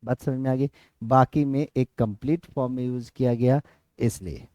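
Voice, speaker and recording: A male exam-prep teacher with a Bihari Hindi accent walks students through a lesson, repeating key points and checking that they follow. His mid-range voice is warm and steady at a normal speed, recorded cleanly in a studio with no echo.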